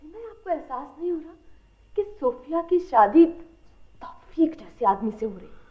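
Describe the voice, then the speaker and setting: A woman's voice: sits high, sing-song, measured pace. An actress playing a bossy, teasing young woman who urges her cousin on, in an old TV drama. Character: young woman, sharp-tongued and scheming cousin. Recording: lo-fi old TV audio, faint music.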